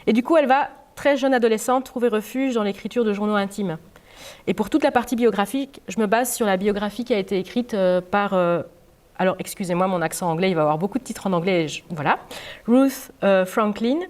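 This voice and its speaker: Her voice here is mid-range and a little mellow as the author chats informally with a library audience. Frequent "euh" hesitations fill the talk.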